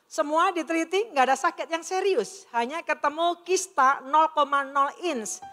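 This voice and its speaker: Speaking at a moderate pace in a high-pitched, pushed and bright voice, a middle-aged woman shares a heartfelt testimony with an audience in a big hall. She performs the lines she quotes, soft music plays underneath, and the room echoes with long reverb.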